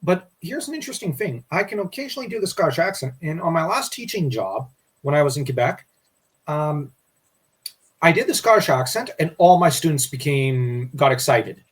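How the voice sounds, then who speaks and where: A man's voice: on the high side, very animated, moderate pace, slightly rough. A man co-hosting a casual history discussion, rambling and restarting his sentences. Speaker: podcast co-host.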